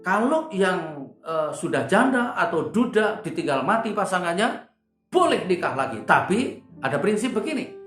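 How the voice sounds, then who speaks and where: A man's voice: high-pitched, very animated, moderate pace. Older male preacher, jokey storyteller, roomy hall with faint guitar. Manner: humorous storyteller acting out dialogue. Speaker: pastor. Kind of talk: sermon with personal anecdotes. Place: church. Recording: echoey church hall. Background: soft guitar music.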